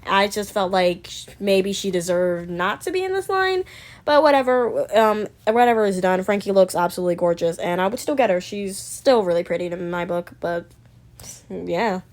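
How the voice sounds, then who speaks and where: A woman's voice: medium pitch, expressive, normal speed, a little mellow. Rambling young woman reviewing dolls. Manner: rambling, hesitant, many fillers and restarts; candid, opinionated. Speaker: doll collector vlogger. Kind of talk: casual review chat.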